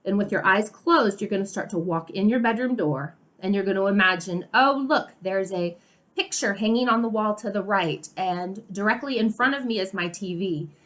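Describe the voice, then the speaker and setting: A woman's voice: medium pitch, normal speed, fairly bright tone. A middle-aged woman, an occupational therapist, giving an upbeat video lesson to parents with hands-on demonstrations.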